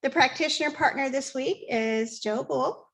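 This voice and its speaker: A woman's voice: sits high, moderate pace, gravelly. A woman hosting a church service, giving friendly announcements and leading the congregation in prayer.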